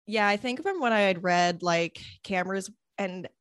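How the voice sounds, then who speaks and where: A woman's voice: medium pitch, normal speed, clean tone, no echo, studio quality. A young woman chatting casually about a film, retelling scenes with lots of likes and acted-out quotes. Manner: animated retelling, acts out quotes, frequent likes.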